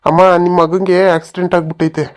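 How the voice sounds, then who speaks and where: A man voicing a village neighbor and a husband in a cartoon comedy, reasoning in a plain, hurried way. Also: on the high side, level tone.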